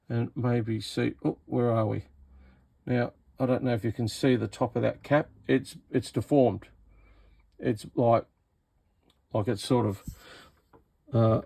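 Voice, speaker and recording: Casual and hands-on, an Australian man who vlogs about and sells repaired radios walks through a radio fix with an incredulous, exasperated attitude. He has a medium-pitched, creaky voice with a darkish tone, captured in a dry recording.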